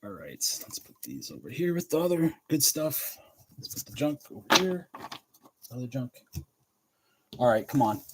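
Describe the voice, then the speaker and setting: A man's voice: mid-range voice, huge pitch swings, moderate pace, long pauses, fairly bright tone, slight background noise. A man hosting a live card break, chatting casually, calling out players and laughing often. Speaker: card breaker livestream host.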